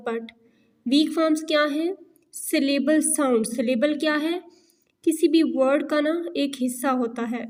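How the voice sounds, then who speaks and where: A woman teacher explaining a textbook lesson, reading English sentences slowly and explaining them in Hindi. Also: high-pitched, a little mellow.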